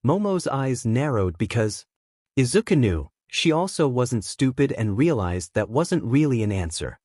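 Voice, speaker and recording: Male narrator, mid pitch, dry close sound, steady story reading. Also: measured pace, dry recording.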